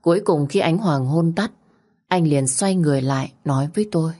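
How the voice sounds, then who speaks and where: A woman narrating a dramatic story in the first person, with steady, dramatic storytelling. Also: low voice, brisk.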